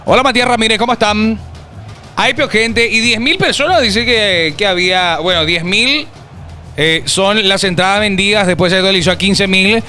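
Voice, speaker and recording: A young man in his twenties with a high, bright, forceful voice. He hosts a casual football live stream, bantering and reading chat messages aloud. Faint music plays underneath. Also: moderate pace. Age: 20s. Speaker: streamer hosting a football watch-along.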